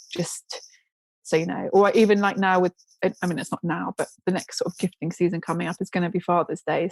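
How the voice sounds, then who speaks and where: A woman's voice: fairly low pitch, no echo. A woman guest chatting casually in an interview, rambling with restarts and giggling now and then. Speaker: podcast guest, ceramics business owner.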